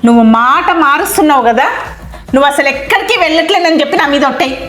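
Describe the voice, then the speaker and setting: A woman's voice: high-pitched, animated, rapid-fire, a bit bright. A woman acting as the wife in scripted comedy skits, talking in a pleading, playful way. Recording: echoey room with music behind.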